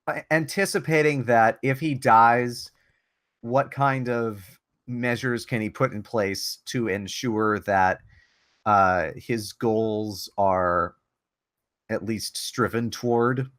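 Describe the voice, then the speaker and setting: A man playing a tabletop game, talking in casual banter with a wry, halting, joking manner. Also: mid-range voice, fairly bright tone, no echo, clean studio sound.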